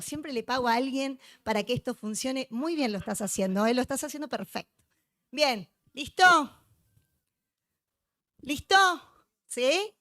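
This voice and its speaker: A woman's voice: high voice, fairly bright tone, no room sound. A woman giving a joking, chatty conference lecture, teasing her live audience. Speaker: conference speaker.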